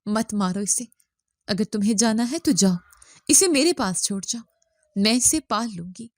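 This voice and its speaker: A woman's voice: fairly high pitch, animated, no room sound, studio quality. A woman voicing a kind village aunt who pleads through tears. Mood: pleading. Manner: pleading, tearful.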